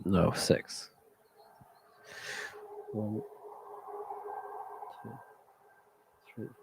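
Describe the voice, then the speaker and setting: A man provides live golf commentary at a very unhurried pace. His voice is low and creaky, with a hushed, hesitant manner, as if working things out aloud. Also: steady tone, a little hiss or hum.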